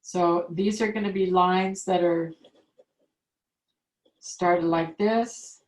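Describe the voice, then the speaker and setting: A woman teaches an online calligraphy class over a video call, patiently explaining each step slowly as she demonstrates. Her fairly low voice is darkish in tone with fairly even intonation, and the room sounds echoey.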